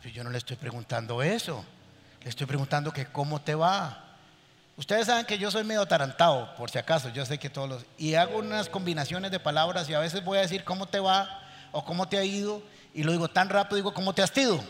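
A male pastor preaching a sermon, animated, acting out the people in his stories. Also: fairly high pitch, fairly quick, in a large hall.

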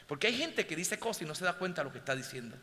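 A male pastor telling a story in a sermon, moving between hushed passages and loud exhortation. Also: a little high, big pitch swings, rapid-fire. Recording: long hall reverb, faint ambience.

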